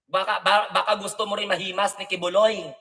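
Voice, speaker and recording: A man's voice: high-pitched, little pitch movement, a little fast, sharp tone, far from the mic. A man vlogging an angry, mocking rant with sarcastic insults and repeated rhetorical questions. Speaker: political commentary vlogger. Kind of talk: angry ranting reaction monologue.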